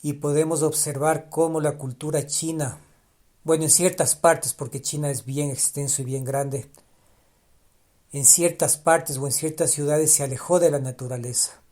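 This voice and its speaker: A fairly high, slightly mellow male voice with a steady tone and moderate pace belongs to a podcast host speaking by himself. Reflective in manner, he restarts phrases and repeats ideas for emphasis, with Spanish as his first language.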